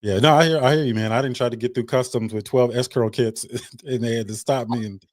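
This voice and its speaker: A man's voice: mid-range voice, fairly even intonation, brisk, a little mellow, no room sound. A man co-hosting a podcast, teasing his partner with short questions in casual chat. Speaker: podcast co-host.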